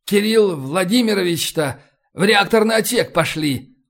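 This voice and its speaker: A man voicing an elderly, proud male navy sergeant with a hoarse voice. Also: sits high, animated, a little slow, fairly bright tone, pitched above the performer's own voice, heavily acted. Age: older.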